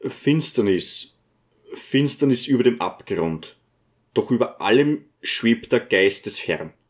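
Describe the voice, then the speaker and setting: A grave, weary old archpriest from an audiobook , played by a male reader. He speaks slowly and solemnly, with a tired, sighing weight. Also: mid-range voice, animated. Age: older. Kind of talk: audiobook reading.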